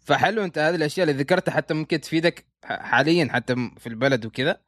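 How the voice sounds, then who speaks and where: A man's voice: a little high, very fast, dry recording, clean studio sound. A man with a Gulf Arabic accent chatting casually as an interviewer. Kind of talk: casual chat.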